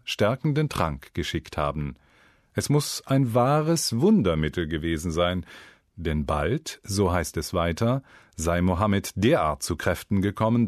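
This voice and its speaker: Guy with a lowish voice reading a learning-program script, really animated storytelling, dry studio sound. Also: no room sound. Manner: lively, storytelling delivery. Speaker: narrator of a German learning program. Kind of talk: scripted educational narration.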